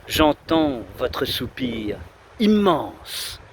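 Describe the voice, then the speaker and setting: A poetry reciter with a gravelly, mid-pitched male voice and big pitch swings performs a 19th-century poem outdoors under trees on a windy seashore. He is slow, solemn and declamatory, leaving long dramatic pauses between phrases, as loud wind buffets the mic and the sea roars.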